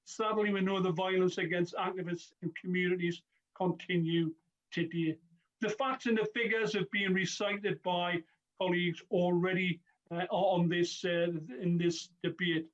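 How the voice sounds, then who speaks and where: A man's voice: sits high, steady tone, normal speed, muffled recording. A man giving a formal parliamentary speech as a member of parliament, earnest, with occasional stumbles. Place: parliamentary debating chamber.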